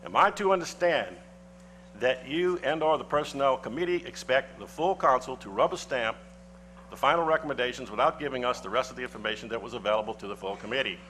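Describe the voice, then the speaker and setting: A man, a parish council member, reads a formal prepared statement at a council meeting with deliberate, legalistic phrasing. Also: medium pitch, a bit bright, a little hiss or hum. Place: council chamber.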